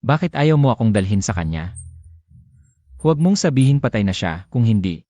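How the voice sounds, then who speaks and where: An actor playing a desperate grieving husband who pleads and insists in a dubbed drama. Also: male voice, mid-range voice, sing-song, moderate pace, warm tone, no echo. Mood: angry denial. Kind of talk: dubbed short drama acting.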